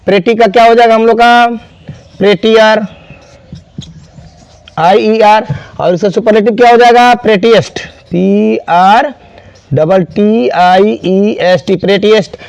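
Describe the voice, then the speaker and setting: A man's voice: sits high, fairly even intonation, unhurried, gravelly, long pauses, a little mellow, smooth, dry recording. A man teaching an English grammar class, spelling words out and quizzing students. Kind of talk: classroom lesson.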